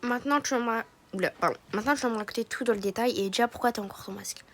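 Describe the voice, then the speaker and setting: A woman voicing a worried young husband who talks in a hurried, fussing way, with music playing behind. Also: fairly high pitch, fairly bright tone, slight background noise.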